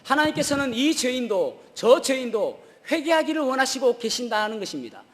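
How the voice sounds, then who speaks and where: A male pastor preaching an animated sermon, stopping on fillers and restarts, his voice rising when he voices prayers and complaints to God. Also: very high voice, brisk, long reverb tail. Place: church sanctuary.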